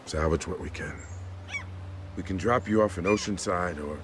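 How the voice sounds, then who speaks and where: An actor playing a steady, caring adult male survivor in a video game. He speaks calmly and earnestly over a game score. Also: deep voice, normal speed, slight background noise, close to an everyday voice. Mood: concerned. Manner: calm, earnest.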